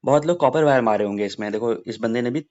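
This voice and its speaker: Young male coaching teacher, animated explainer, drills points by repetition, slightly dull recording. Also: mid-range voice, quick pace. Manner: lively, mixes Hindi and English, repeats key points. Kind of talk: explaining science exam questions to students.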